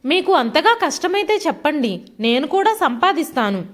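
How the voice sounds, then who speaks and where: A timid young wife in a storybook drama, hesitant and pleading as she defends herself, voiced by a woman narrator. Her voice sits high and moves a lot. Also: sing-song, normal speed, fairly bright tone. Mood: hurt.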